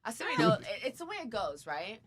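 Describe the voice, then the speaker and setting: A woman's voice: on the high side, big pitch swings, fast, a bit bright, slightly rough. A woman in her thirties talking bluntly and at length in a casual podcast chat, swearing freely. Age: 30s.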